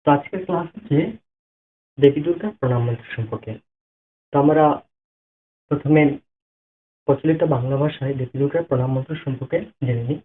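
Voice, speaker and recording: A man teaching how to pronounce a devotional Sanskrit mantra, breaking words down slowly syllable by syllable and chanting examples. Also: medium pitch. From Bangladesh. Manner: slow, careful syllable-by-syllable explanation. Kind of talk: spoken lesson with chanted examples. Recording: tinny phone-like audio.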